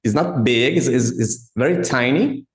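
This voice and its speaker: A podcast host whose first language is Portuguese asks interview questions hesitantly, with many fillers and restarts. His medium-pitched voice moves at a moderate pace, and the room has a noticeable echo.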